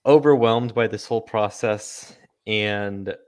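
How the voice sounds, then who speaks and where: A man's voice: fairly low pitch, takes it slowly. A man playing a tabletop game who talks hesitantly, with many fillers. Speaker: player. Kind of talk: casual tabletop play.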